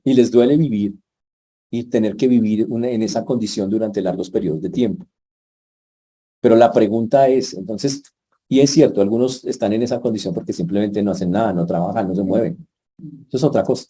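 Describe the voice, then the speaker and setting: A man's voice: fairly low pitch, a little fast, warm tone, slightly rough. A male pastor, preaching a sermon in a conversational way and putting questions to the congregation. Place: church.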